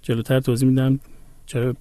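A man patiently explaining words one by one in a relaxed educational chat. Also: mid-range voice, dry recording. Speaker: language expert co-host.

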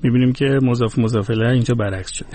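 A man's voice: medium pitch, steady tone, warm tone, slight background noise. A man talking on a radio program, patiently explaining word origins one by one. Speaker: guest expert on languages.

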